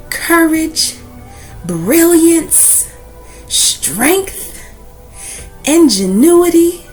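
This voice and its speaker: A woman hosting a children's book read-aloud series reads a picture book expressively at a very slow, deliberate pace. Her pitch swings widely, with emphatic stresses and dramatic pauses, and her voice is a little mellow. Music plays in the background.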